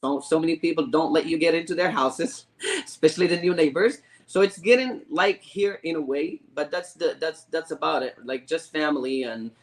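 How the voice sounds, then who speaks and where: Halting, eager man from Morocco. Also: a little high. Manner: halting, repeats words, eager. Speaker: guest. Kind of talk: casual interview.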